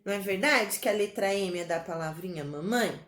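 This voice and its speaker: A woman teaching a spelling lesson to young children in a slow, sing-song way, with a Brazilian Portuguese accent. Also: mid-range voice, fairly bright tone. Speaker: primary school teacher. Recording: echoey room.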